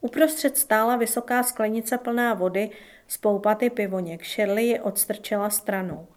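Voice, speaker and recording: A woman narrating a novel as an audiobook, in a calm, measured storytelling manner. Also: medium pitch.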